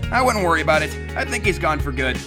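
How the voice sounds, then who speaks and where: A man's voice: on the high side, very animated, fast talker, over loud music. A man voicing a cocky, good-hearted young hedgehog hero in a cartoon fandub, casual, confident and breezy. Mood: relenting, friendly. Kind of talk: cartoon comic fandub acting.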